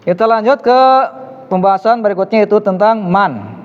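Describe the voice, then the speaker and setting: High-voiced man teaching Arabic. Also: moderate pace. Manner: encouraging, frequent praise. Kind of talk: classroom teaching. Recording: lo-fi, reverberant room.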